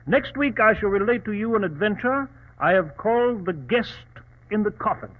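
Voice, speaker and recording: An actor playing a loyal, fussy, earnest gentleman doctor in 1940s radio drama style. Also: high voice, expressive, normal speed, phone-quality sound. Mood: genial storytelling. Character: loyal, anxious, inquisitive gentleman doctor, detective's companion. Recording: thin, scratchy old radio recording.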